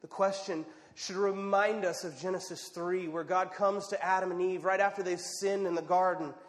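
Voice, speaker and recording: A man preaching a sermon, telling a story with drama and dropping to a hush at quiet moments. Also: high-pitched, fairly even intonation, moderate pace. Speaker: pastor. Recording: long reverb of a large hall.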